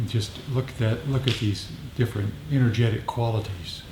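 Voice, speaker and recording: A man with a fairly low pitch and fairly even intonation speaks at a moderate pace while leading an informal meditation discussion. He explains reflectively and keeps repeating his phrases. Recorded in the meditation group's meeting room, the audio is echoey with faint background noise.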